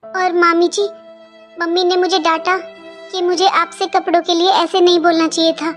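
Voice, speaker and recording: An outspoken, earnest little girl, voiced by a woman in a cartoon, her voice pitched very high and childlike. She pleads and talks on at length, with soft music faint behind her. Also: flat delivery, normal speed. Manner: pleading and talkative. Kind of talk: cartoon voice acting.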